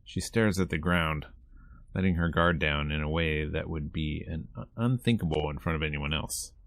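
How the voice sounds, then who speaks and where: A man with a very deep, creaky voice speaks at a normal pace, with no echo. He's streaming a visual novel, reading the game's dialogue aloud and breaking off now and then for casual, wry commentary.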